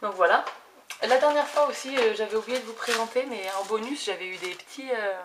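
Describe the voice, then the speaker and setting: A woman in her thirties chatting casually at her home craft desk, enthusiastic and full of fillers as she unboxes gifts, recorded on a camera set low on the desk. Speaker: craft YouTuber. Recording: audible background noise.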